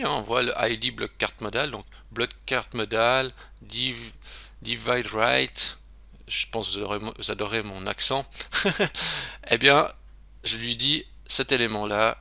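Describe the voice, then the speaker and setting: A man's voice: mid-range voice, vocal fry, bright, forceful tone, no room sound. A man giving a casual screen-recorded web tutorial, chatty and self-interrupting, with lots of fillers.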